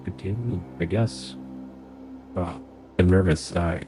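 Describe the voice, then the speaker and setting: A young man streams a game playthrough and chats as he thinks aloud while playing, sounding nasal because he is sick. His voice is low and slow, heard over music, as he gives live commentary.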